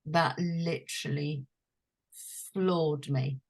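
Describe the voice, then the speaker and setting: Slow, gravelly woman coach. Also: low voice, steady tone. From London. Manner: slow, hushed and intimate, dwelling on each phrase. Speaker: guest, transformational coach. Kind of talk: reflective personal storytelling.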